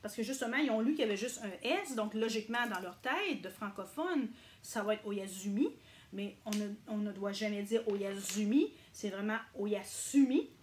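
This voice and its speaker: Woman, chatty language teacher, mid pitch, faint hiss behind her. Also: lively intonation, brisk, few pauses. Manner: chatty, checks in with frequent "ok?". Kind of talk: casual video lesson.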